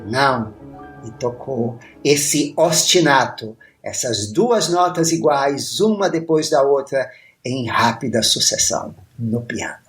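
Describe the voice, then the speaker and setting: Slow, hesitant man. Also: medium pitch, animated, a bit bright, soft background music. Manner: slow, hesitant, many drawn-out fillers. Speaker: podcast co-host. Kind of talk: casual film music discussion.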